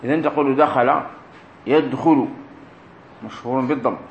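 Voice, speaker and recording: A man teaching a grammar lesson as a sheikh, explaining slowly, repeating key words and drilling verb forms aloud. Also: medium pitch, steady tone, dull audio. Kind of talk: recorded classroom lesson. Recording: roomy echo with faint room noise.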